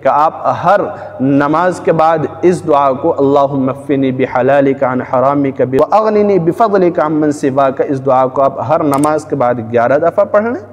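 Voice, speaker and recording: An earnest man with a fairly high voice gives religious advice, repeating his key phrases to drive them home. His voice rings out in a room with long reverb. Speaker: Islamic scholar. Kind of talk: religious advice talk to viewers.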